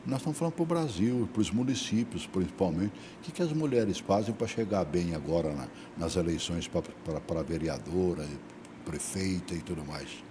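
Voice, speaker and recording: Deep-voiced Brazilian male host, noisy. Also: lively intonation, normal speed. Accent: Brazilian Portuguese. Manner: chatty, affectionate, tag questions like "viu?" and "tá bom?". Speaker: talk show host. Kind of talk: studio talk show interview.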